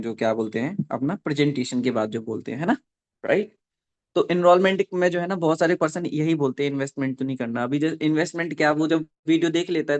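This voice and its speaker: Man coaching, constantly checking in. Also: fairly high pitch. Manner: keeps checking in with listeners; dictates slowly for note-taking. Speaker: network marketing trainer. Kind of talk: live online training session.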